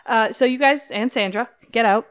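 A woman narrating a tabletop game as game master, casual and giggly. Her voice sits fairly high. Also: moderate pace, a bit bright, clear, resonant tone.

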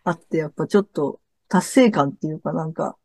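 A woman, a festival staff leader who plays in a band, chatting casually in an interview with soft agreeing murmurs. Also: low-pitched, brisk, no echo.

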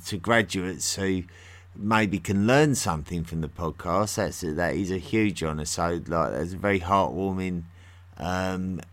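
A man's voice: deep voice, fairly bright tone. A man with a London-area English accent hosting a history podcast, chatting in a friendly way with many ums and restarts. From England, near London. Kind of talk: solo podcast talk.

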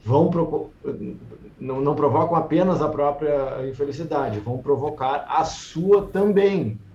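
A man hosts an online book club in a relaxed, chatty way, laughing easily and reading passages slowly. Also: fairly high pitch. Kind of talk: casual live-stream chat. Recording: roomy, muffled lo-fi sound.

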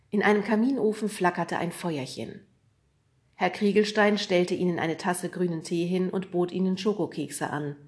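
A woman with a fairly low voice narrates a children's audiobook. Her reading is calm, clear and measured, in a steady storytelling manner. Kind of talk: scripted narration.

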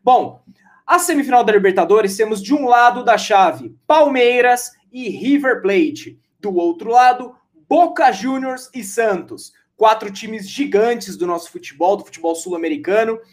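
A man's voice: extremely high pitch, animated, moderate pace. A man with a Brazilian Portuguese accent hosting a casual sports podcast, chatty and jokey, often restarting and drifting off topic. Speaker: podcast host.

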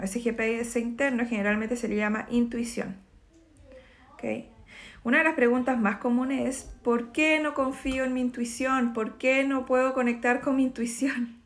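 A woman therapist, explaining emotional wounds in a talk to camera and acting out short quoted voices. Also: on the high side.

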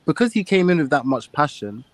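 A man's voice: on the high side, sing-song, brisk, no echo. A man with a London accent chatting casually as a football fan, slangy and peppering his talk with "like". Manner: slangy, filler-heavy with frequent "like". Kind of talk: casual chat.

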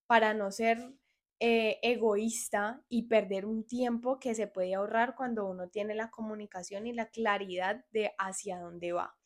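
Frank young woman giving advice. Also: on the high side. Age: 20s. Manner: earnest, frank advice to listeners. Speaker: podcast host. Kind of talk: solo podcast monologue.

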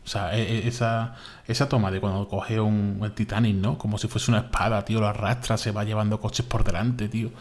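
A man from Spain with a Spain Spanish accent, co-hosting a podcast in casual, animated chat, full of fillers and repeats. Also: fairly low pitch, fairly quick. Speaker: podcast co-host.

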